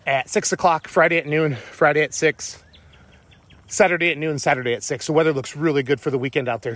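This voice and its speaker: This man, who owns a tractor pulling team, has a medium-pitched, slightly bright voice. Out of breath, he gives a rambling, upbeat casual update and keeps correcting himself.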